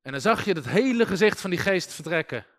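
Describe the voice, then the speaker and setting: A man giving an informal sermon on deliverance. He talks in a lively, humorous way, full of anecdotes and chuckles. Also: high voice, a little fast. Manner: lively and humorous, often chuckling and using fillers like "weet je". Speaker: preacher teaching on deliverance.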